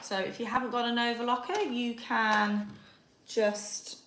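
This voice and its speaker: With a slightly high voice, a level tone, and a measured pace, a Yorkshire woman hosts a live sewing tutorial from her home kitchen. She chats and thinks aloud as she works, and she is from Yorkshire, England. The kitchen sounds echoey, with background noise.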